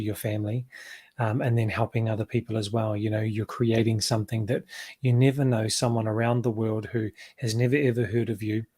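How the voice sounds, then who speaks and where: A man hosting an interview show, speaking in a measured, thankful way as he wraps up. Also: medium pitch, a little mellow.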